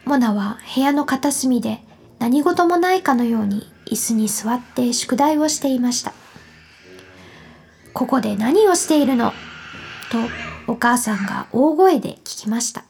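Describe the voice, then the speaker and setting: A woman narrating a children's story in a calm, even manner. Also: fairly high pitch, moderate pace, a little hiss or hum.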